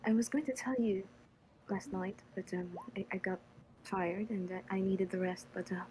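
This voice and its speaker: A woman voicing a remorseful young woman in whispered role-play, speaking softly and haltingly. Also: medium pitch, slight background noise, natural voice, poor audio. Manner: halting, hesitant, soft.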